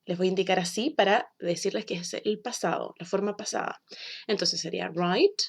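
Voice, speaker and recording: A woman's voice: mid-range voice, steady tone. Patient woman teaching English. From Chile. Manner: slow, clear, patient explaining with drawn-out example words. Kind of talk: recorded online lesson for children.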